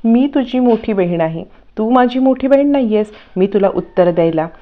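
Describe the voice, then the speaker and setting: A woman's voice: mid-range voice, lively intonation, normal speed, phone-quality sound, voice pushed up, close to an everyday voice. A woman voicing a defensive young bride-to-be who answers snappishly, in a TV serial recap.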